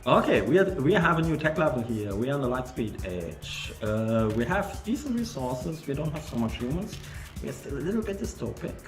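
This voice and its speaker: A man with a German accent talks through a game on a livestream, his pitch rising and falling a lot as he hunts for words. His voice sounds roomy, and music plays behind him. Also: big pitch swings. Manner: halting, searching for words. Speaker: game developer. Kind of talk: casual livestream chat.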